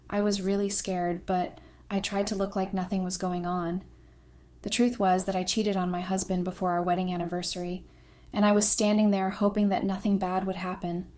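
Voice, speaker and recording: A woman with a somewhat low voice tells a confessional story in the first person. Her reading is scripted, steady and even, with a flat, composed delivery from start to finish.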